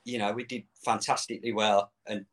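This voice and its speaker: A man's voice: on the low side, little pitch movement, a little fast, fairly bright tone. A middle-aged man chatting as a guest on a fan show, rambling and easygoing, often laughing. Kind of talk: casual chat.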